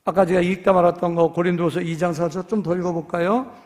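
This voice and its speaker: A man's voice: high voice, fairly even intonation, fast talker, darkish tone, long reverb tail. A man preaching a sermon as pastor, telling stories animatedly and acting out dialogue in different voices. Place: church sanctuary.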